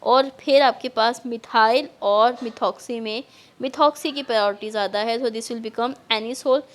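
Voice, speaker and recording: A woman's voice: a little high, takes it slowly. A woman chemistry lecturer with a Pakistani accent, explaining step by step in a classroom lecture and mixing in English terms.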